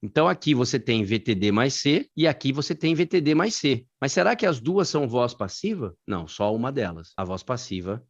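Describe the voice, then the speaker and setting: Lively Brazilian grammar teacher. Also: male voice, medium pitch, fairly quick, hardly any pauses, lo-fi sound. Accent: Brazilian Portuguese. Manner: lively, slangy, calls on students by name. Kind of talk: live online class.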